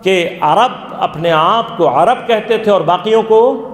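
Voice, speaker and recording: A man's voice: high-pitched, lively intonation. A male religious lecturer giving an interactive lesson, asking his listeners questions and then answering them himself. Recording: echoey hall.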